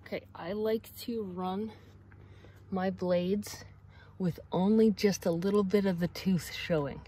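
A warm, slightly rough voice at medium pitch, fairly even in intonation, takes its time here. It belongs to a middle-aged sawmill owner giving an encouraging, practical maintenance demonstration outdoors beside the mill, recorded on a camera mic for an instructional video.

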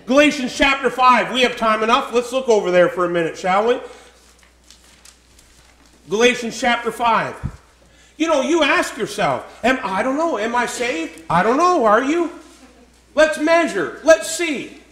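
A pastor with a strikingly high voice preaches with fire, building to shouts and stretching key words. He is heard in an echoey church room. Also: very animated. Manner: fiery preaching, rising to shouts, drawn-out emphasis. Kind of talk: sermon.

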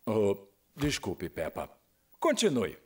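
A man voicing a jolly, proud father pig in a dubbed cartoon, deep and chuckling. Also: huge pitch swings, slow pace, darkish tone, dry recording, studio quality, exaggerated voice. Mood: proud, encouraging. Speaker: Peppa's father.

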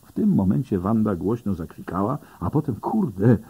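A man reading an audiobook in the first person, with lively storytelling narration. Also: lowish voice, moderate pace, creaky, husky, phone-quality sound. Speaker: audiobook reader.

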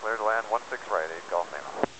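A man's voice: lowish voice, fairly quick, sharp tone. A man speaking as a pilot makes terse, clipped calls to a tower over a crackly radio transmission. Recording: distant, hissy aviation radio transmission.

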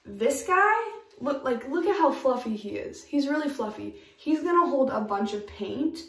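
A chatty young woman talks through her DIY tips in an upbeat, emphatic way. Her voice sits a little high, and the bathroom adds a roomy echo. She sounds slightly off-mic. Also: animated, moderate pace, fairly bright tone, distant mic. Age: young adult. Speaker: DIY vlogger. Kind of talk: casual tips vlog. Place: home bathroom, indoors.

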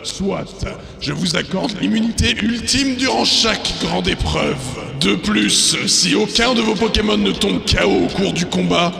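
A solemn godlike arbiter, acted by a man delivers a scripted game intro slowly and with heavy gravel. The voice rings in long reverb over music. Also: high-pitched, heavily acted. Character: solemn godlike arbiter announcing challenge rules. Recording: long echoing reverb effect, music behind.

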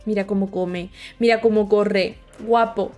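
A young woman with a Spain Spanish accent, hosting a game preview at home late at night, gushing with excitement while keeping her voice down so she won't shout. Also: mid-range voice, unhurried, soft background music. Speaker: gaming video host.

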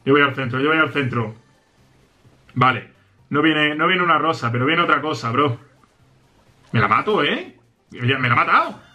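Young man, excitable gameplay commentary, highish voice, very lively pitch. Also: moderate pace, pauses often. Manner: excitable, shouts and jumps high in pitch at game moments. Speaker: gaming youtuber.

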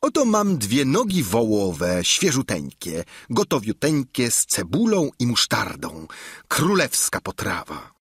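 A man's voice: mid-range voice, wildly swooping pitch, unhurried, a bit bright, husky, no echo, clean studio sound, full character voice. A man voicing an evasive, boastful innkeeper in an audiobook, always making excuses. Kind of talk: audiobook reading.

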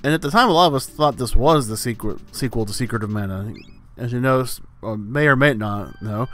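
A let's-play host, a man with a mid-range, slightly bright voice, talks fairly quickly while playing a video game. His commentary is dry and wry, full of meandering asides.

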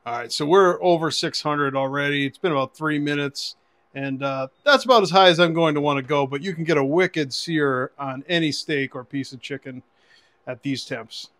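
Speaking at a normal pace in a slightly high, fairly bright voice, a man in his forties enthusiastically reviews and demonstrates a product to camera in his home kitchen. His tone is casual and conversational, picked up by a clip-on lapel mic.

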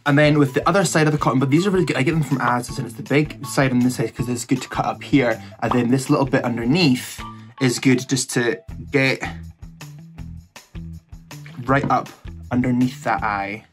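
A man's voice: medium pitch, normal speed. Camp, gossipy man over music. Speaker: drag queen giving a makeup tutorial. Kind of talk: chatty makeup tutorial. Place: small indoor setup before a cloth backdrop. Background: background music.

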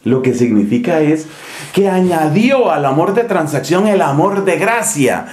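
Un predicador de Colombia que habla con acento colombiano, de voz más bien alta. Cuenta y actúa escenas con humor, grabado en una sala que resuena. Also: male voice, fairly high pitch, big pitch swings, a little slow, darkish tone. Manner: conversational, humorous, acts out scenes. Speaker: preacher leading a retreat. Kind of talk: retreat sermon. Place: monastery, indoors. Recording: echoey room.

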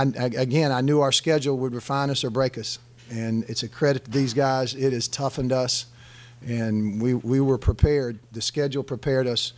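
A middle-aged man, a head basketball coach, answering press conference questions emphatically, often restarting and repeating his phrases into a desk microphone. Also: medium pitch. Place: press conference room, seated at table. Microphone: desk microphone on stand.

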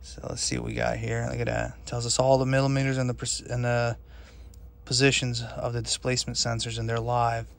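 A man working as an auto mechanic, casually talking through a hands-on demo of a diagnostic tablet from inside a car in a workshop, relaxed and matter-of-fact with a few fillers. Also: mid-range voice, a little fast, vocal fry. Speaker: auto mechanic reviewing a scan tool.

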